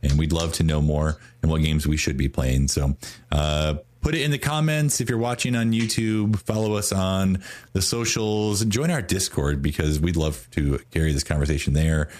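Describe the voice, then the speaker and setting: A man with an extremely deep voice co-hosts a relaxed chat. He talks in an easygoing, self-deprecating way and invites listeners to join in. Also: moderate pace. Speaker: co-host. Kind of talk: casual chat.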